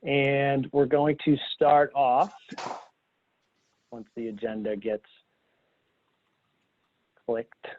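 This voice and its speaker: A man hosting a video-call webinar, relaxed and upbeat, laughing easily while guiding the panel. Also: medium pitch, drawn-out words, long pauses, a little hiss or hum. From Philadelphia, Pennsylvania. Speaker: webinar host. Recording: tinny phone-like call audio.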